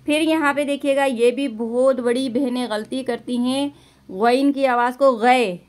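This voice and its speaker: A woman teaching Quran recitation online, patiently correcting pronunciation, repeating syllables and drawing out recited words slowly. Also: high voice. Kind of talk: online tajweed lesson.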